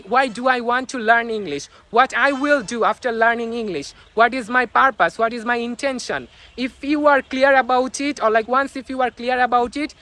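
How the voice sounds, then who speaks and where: A man's voice: extremely high pitch, pushed and bright. A young man whose first language is Bengali, speaking English to camera outdoors in an earnest motivational talk, with many fillers and restarts. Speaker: English teaching YouTuber. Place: outdoors among onlookers.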